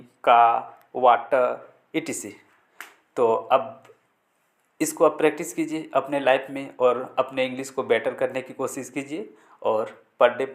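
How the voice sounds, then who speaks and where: A man teaching a spoken English lesson in Hindi, repeating words slowly as drills and explaining step by step. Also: medium pitch. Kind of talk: classroom-style language lesson.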